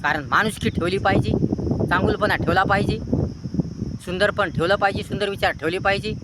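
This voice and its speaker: A man's voice: high-pitched, fairly even intonation, fairly quick, heavy background noise. A man giving a preachy moral talk, listing near-synonyms in long repetitive chains. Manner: earnest, preachy. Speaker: motivational speaker. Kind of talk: moral advice monologue.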